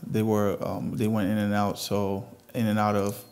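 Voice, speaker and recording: A Ghanaian fashion designer in his thirties, who moved abroad at thirteen, answers interview questions earnestly and matter-of-factly in a conversational way. His voice is on the low side, monotone and darkish, at a normal speed. He's recorded on a lapel mic in an indoor television studio.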